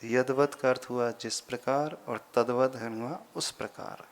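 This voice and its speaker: A man, a monk teaching Sanskrit verse pronunciation, patiently repeating syllables slowly and deliberately. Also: medium pitch, fairly even intonation. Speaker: Jain monk teaching scripture recitation. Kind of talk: slow explanatory lesson on Sanskrit pronunciation.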